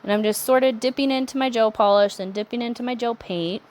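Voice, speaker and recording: A young adult woman talking through a nail art tutorial in a chatty, relaxed way, with self-correcting asides. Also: on the high side, fast. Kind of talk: casual step-by-step tutorial narration.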